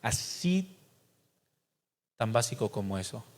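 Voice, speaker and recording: A man's voice: mid-range voice, big pitch swings, slow pace, in a large hall. A pastor with a Mexican accent preaching a sermon, emphatic and speaking straight to his congregation. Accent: Mexican Spanish.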